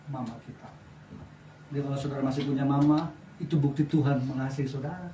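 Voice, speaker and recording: A middle-aged man preaching a sermon as pastor, lively, often asking the congregation questions. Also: mid-range voice, fast, lo-fi sound, slight background noise. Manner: lively preaching with wide swings in loudness, asks the congregation questions. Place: church. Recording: echoey church sound from a distance.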